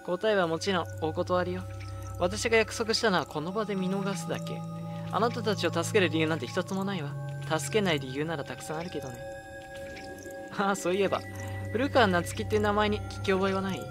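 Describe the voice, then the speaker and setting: A man voicing a cruel, vengeful female villain from a game, reading her lines in a calm, mocking way over game music. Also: sits high, brisk, lightly acted. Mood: sneering. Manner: calm, sneering, taunting delivery. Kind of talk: reading game dialogue aloud.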